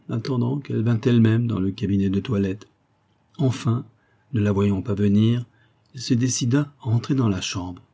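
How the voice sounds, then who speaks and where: A man narrating a novel in a calm, even reading voice. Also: medium pitch, husky. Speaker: audiobook narrator.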